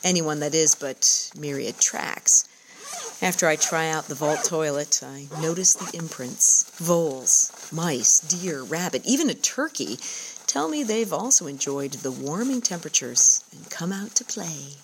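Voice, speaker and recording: A woman narrating her own outdoor journal in a calm, descriptive, reflective first-person way. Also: deep voice, unhurried, background noise.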